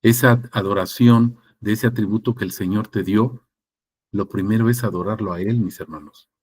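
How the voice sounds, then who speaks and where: A man's voice: on the low side, steady tone, moderate pace, husky. Man preaching with rhetorical questions. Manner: teaching with rhetorical questions, repeating phrases for emphasis; switches between loud emphatic and quiet passages. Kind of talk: sermon.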